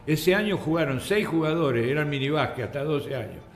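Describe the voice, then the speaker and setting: An older Argentine man tells stories as a radio guest and acts out the voices of the people in them. His voice sits a little high. The studio sounds roomy and echoey, and soft music plays underneath. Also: animated, a little fast. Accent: Argentine Spanish. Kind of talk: anecdotal storytelling on radio.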